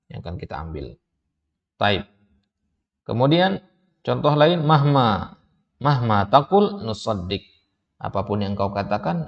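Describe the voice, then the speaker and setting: A man with a low, gravelly voice teaching a grammar lesson. He walks through examples step by step, posing questions to the class and answering them himself. The recording sounds dull and lo-fi. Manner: explains step by step, asks and answers his own questions.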